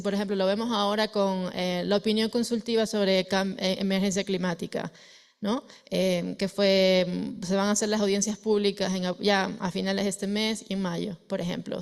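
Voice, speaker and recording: A woman's voice: medium pitch, a little mellow. A woman from Ecuador speaking as a panelist in an academic discussion, hesitant, with many fillers and restarts.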